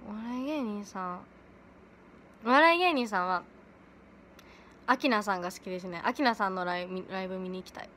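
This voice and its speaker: A teenage girl with a chatting casually on a livestream from home, giggly and quick to laugh. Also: mid-range voice, fairly bright tone, slight background noise. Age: late teens. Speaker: idol livestreaming to fans. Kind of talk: casual livestream chat reading comments. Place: at home in pajamas.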